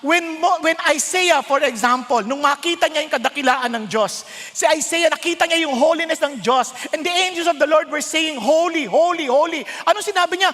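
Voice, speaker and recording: High bright-voiced preacher. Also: male voice, a little fast, big-room sound. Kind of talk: sermon.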